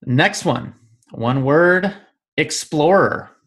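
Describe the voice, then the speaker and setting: A playful podcast host runs the chat in a middle-pitched voice and teases the guest. They often switch into a quiz-show announcer's manner. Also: expressive, extremely slow, fairly bright tone. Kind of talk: casual interview hosting.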